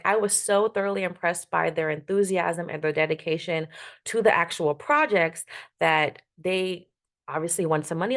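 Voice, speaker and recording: A woman's voice: medium pitch, creaky. A woman who is a media professor, giving an online workshop presentation over a video call in an upbeat, emphatic way, often checking in with "right?" and "okay?".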